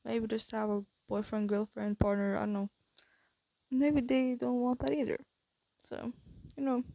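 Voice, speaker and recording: Teen girl yapping into her phone, breathy and a bit stuffy, lots of ums and restarts, kinda husky-fry, dry sound. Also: on the high side, steady tone, a little slow, dark tone, no echo. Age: teens. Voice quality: breathy, slight lisp from wearing retainers. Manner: hesitant, thinking aloud with many fillers and restarts. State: stuffy nose. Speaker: vlogger. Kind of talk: casual rambling vlog monologue. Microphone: phone held close.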